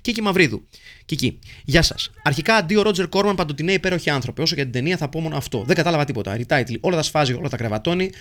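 A man's voice: a little high, lively intonation, fairly bright tone. A man hosting a podcast, reading listener messages aloud in a playful, jokey way and rattling through lists of names. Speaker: podcast host.

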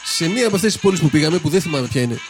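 A man's voice: a little high, animated, over music. A man on a casual podcast, a musician, telling a rambling anecdote. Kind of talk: casual storytelling chat.

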